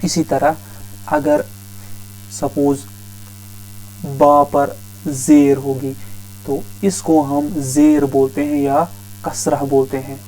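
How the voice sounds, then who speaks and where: A man's voice: a little high, lively intonation, slow, long pauses, mellow, faint music behind, rough recording. A man teaching a grammar lesson, patiently repeating each term several times. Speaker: Arabic teacher.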